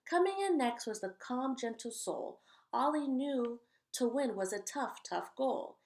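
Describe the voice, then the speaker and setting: Her voice sits high and unhurried, a little slow, as this woman hosts a picture-book read-aloud for children. She delivers rhymes with expressive emphasis and chats casually in between.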